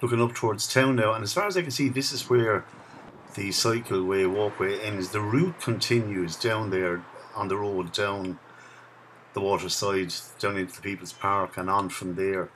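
Strolling along a town's riverside path, a male video blogger gives casual walking commentary on the local sights, chatty and reminiscing as he films. He speaks at a normal speed in a slightly bright voice on the low side. The low-quality recording carries a little hiss or hum.

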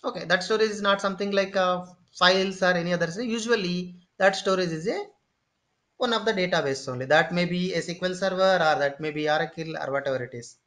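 A mid-pitched instructor talks through a screen-share tutorial lecture, explaining one step at a time. The delivery is loose and unscripted, with phrases repeated and restarted mid-thought and frequent "okay" checkpoints. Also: fast, a bit bright.

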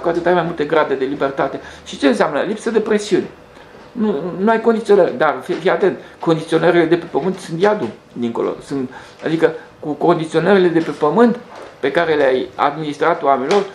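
A man hosting a rambling spiritual monologue, talking conversationally with frequent restarts and hesitations. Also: on the high side. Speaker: host. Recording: echoey room with faint background noise.

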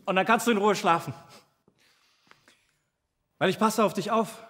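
A man performing a doting little guardian in a stage monologue, a high voice that stumbles and repeats itself. The words ring out in the long reverb of a theatre hall. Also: a bit bright. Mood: tender. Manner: halting and stammering, repeating words. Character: devoted protective companion imagining himself tiny, vengeful. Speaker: stage actor in a filmed play.

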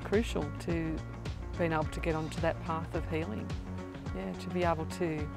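Aussie woman, soft reflective interview, gravelly voice, music under it. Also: low-pitched, steady tone, normal speed. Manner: gentle, reflective.

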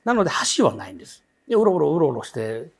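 A man's voice: a little high, big pitch swings, rapid-fire, creaky. A man with a Kansai accent telling a ghost story, vividly acting out the voices of the people in it.

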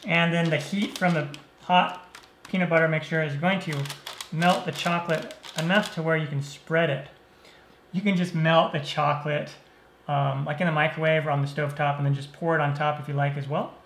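A man hosting a cooking show, explaining each step of a recipe in a relaxed, easygoing way. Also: on the high side, normal speed, a little hiss or hum. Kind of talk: cooking demonstration. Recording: roomy echo.

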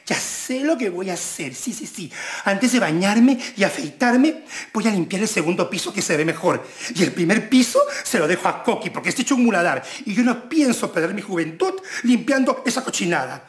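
A man's voice: high-pitched, expressive, brisk. An actor with a Peruvian accent playing a fussy, flamboyant, gossipy male butler in a sitcom, with a theatrical delivery full of exclamations. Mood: chatty. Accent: Peruvian Spanish. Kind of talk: sitcom acting. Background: music.

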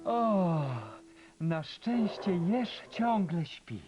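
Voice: medium pitch, extremely slow. An actor voicing a fussy, earnest male road roller machine in a cartoon dub, often flustered and hesitant. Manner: flustered, hesitant, eager to please. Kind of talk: cartoon dubbing. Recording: slightly muffled, music behind.

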